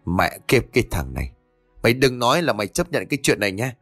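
A man's voice: mid-range voice, very animated, fast talker, fairly bright tone, soft background music. A man voicing a blunt, hard-drinking older uncle who scolds coarsely. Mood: scolding.

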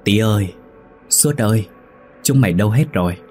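A man reading a ghost story, voicing a sharp-tongued older landlady who scolds her servants. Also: low-pitched, normal speed, faint music behind, lightly acted. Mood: trembling. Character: sharp-tongued old landlady, bossy and frightened.

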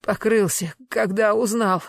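A reader voicing a frightened young man in his twenties, hoarse and choking as he pleads. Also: high voice, steady tone, a little slow, no room sound, clean studio sound, voice pushed up. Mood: shaken.

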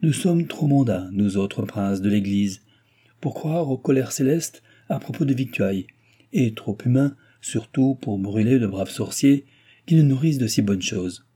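A man voicing a worldly, greedy old cardinal with a suave, measured prelate's tone, read as an audiobook figure. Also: mid-range voice, animated, warm tone, husky.

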